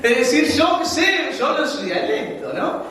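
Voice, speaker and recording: Man, Uruguayan accent, pastor's sermon, very high pitch, far from the mic, long reverb. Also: measured pace, a crowd in the background. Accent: Uruguayan Spanish. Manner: animated storytelling, laughing asides. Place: church hall. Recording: echoey hall, mic far off.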